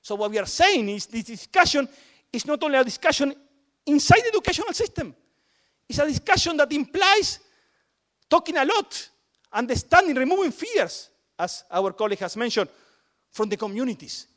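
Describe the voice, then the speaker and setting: High-voiced man talking emphatically. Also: very animated, normal speed, a bit bright. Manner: emphatic, repeats words for stress. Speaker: education policy speaker. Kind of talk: panel talk on inclusive curricula.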